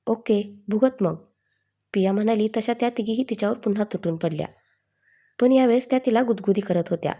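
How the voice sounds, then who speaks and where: Mellow woman storytelling. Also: medium pitch, fast talker. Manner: steady, expressive reading. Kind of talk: storybook narration.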